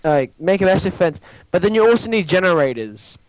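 A man's voice: high-pitched, big pitch swings, a little fast, no echo, dull audio. A young man chatting casually on a podcast, rambling and cutting in with "look, look" to take the floor. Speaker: podcast co-host. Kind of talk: casual chat.

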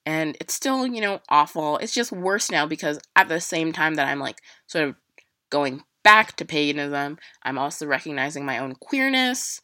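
A young woman talks through a personal story in a loose, halting way, leaning on fillers and restarts. Her voice is bright and a little low-pitched, and the sound is dry and close. Emotion sits just under the surface as she speaks. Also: animated, no room sound. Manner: casual, halting, many fillers. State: emotional, near tears.

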